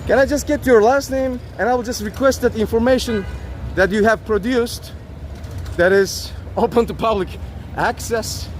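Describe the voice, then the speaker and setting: His voice is very high with a steady tone and moderate pace, and a little hiss or hum runs underneath. He's a non-native English speaker and citizen auditor, filming police on a city street outdoors and persistently repeating demands that are polite yet insistent in this confrontational clip.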